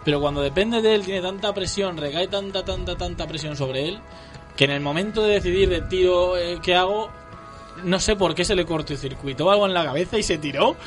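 Opinionated football fan. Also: male voice, sits high, brisk, soft background music. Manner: opinionated, animated, fan of the team. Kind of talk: casual football chat.

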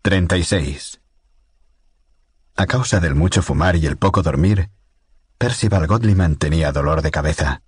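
Male audiobook narrator, very husky and breathy, dry close recording, measured pace. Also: deep voice, no room sound. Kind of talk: scripted narration.

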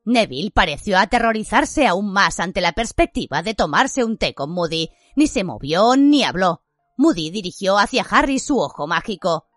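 A woman narrating a story in an expressive, scripted way. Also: medium pitch, moderate pace, no echo, clean studio sound, soft background music. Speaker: audiobook narrator.

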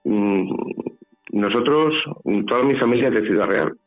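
A man from Spain, medium-pitched and unhurried, recounts a personal story during a phone interview. His Spanish accent comes through as he hesitates and repeats words, and the line sounds tinny with faint music underneath.

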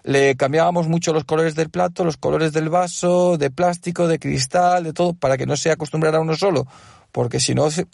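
Gravelly-voiced man, patient and chatty. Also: a little high, steady tone, brisk, a little mellow, dry recording, studio quality. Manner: explains patiently with many fillers and asides. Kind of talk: casual testimonial.

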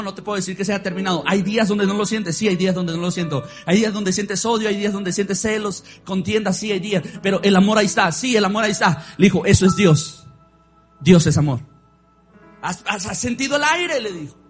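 A man preaching a sermon in church, leading the congregation in call-and-response. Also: sits high. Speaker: pastor.

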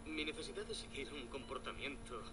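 A man's voice: medium pitch, a little fast, lightly acted. A man playing a cold, detached yuppie killer. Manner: flat, emotionless delivery. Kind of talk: dubbed film dialogue. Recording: film audio with background noise.

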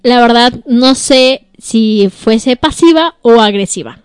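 A woman's voice: on the high side, animated, slow, clear, resonant tone, no echo, studio quality. A woman co-hosting a casual chat, talking bluntly and emphatically and laughing often. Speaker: co-host.

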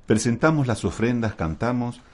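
A man's voice: medium pitch, expressive, normal speed, darkish tone. A man acting as lay reader and guide at Mass, reading scripted prayers and liturgical announcements.

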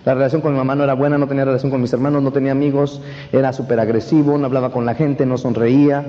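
A man with a Mexican accent giving an animated personal testimony to a seminar audience, often checking that they follow him. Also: medium pitch, rapid-fire. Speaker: motivational speaker at a network marketing event. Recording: dull echoey hall recording with faint hiss.

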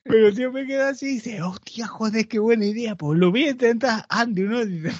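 A man with a high, slightly fast voice tells a story in casual chat, laughing often and acting out the voices he quotes. The audio is dry with no echo, sounding dull and a little muffled.

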